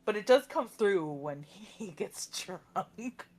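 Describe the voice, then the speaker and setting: A woman in casual chat, relaxed and easily amused. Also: mid-range voice, slow pace.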